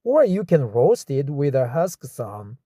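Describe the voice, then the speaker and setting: Slow Korean-accented man reading aloud. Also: medium pitch, very animated, mellow, slightly rough, no room sound. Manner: slow, repeats and practices words. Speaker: reader studying English.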